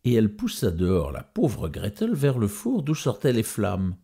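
A man narrating a fairy tale as a storyteller, with expressive, sweeping intonation. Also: fairly low pitch, normal speed, creaky, slightly rough.

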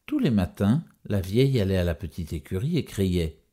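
Deep, husky male fairy-tale narrator. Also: sing-song, normal speed, mellow. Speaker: storyteller.

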